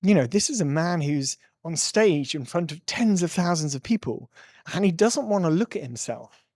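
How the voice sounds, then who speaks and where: Earnest man coaching with a higher voice. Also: expressive, normal speed, darkish tone, dry recording, clean studio sound. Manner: earnest, ranting, breaks into laughs. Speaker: tic coach. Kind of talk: casual monologue commentary.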